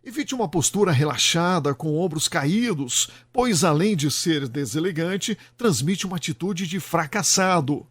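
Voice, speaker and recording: High-voiced man narrating tips. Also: lively intonation, fairly bright tone, dry recording. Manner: measured, instructive delivery of tips. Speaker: channel narrator. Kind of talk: scripted narration.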